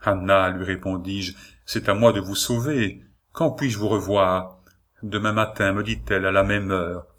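A man narrating a classic story as an audiobook, in a measured, dramatic manner. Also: sits low, fairly even intonation, a bit bright.

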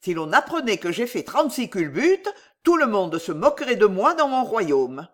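Woman doing a proud old king getting all flustered, scolding loud, lively voice. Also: mid-range voice, normal speed. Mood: indignant.

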